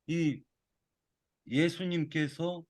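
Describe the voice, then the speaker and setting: A man giving a sermon with a measured, reflective delivery. He pauses often and restarts phrases as he works through a thought. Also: a little high, fairly even intonation. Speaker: preacher.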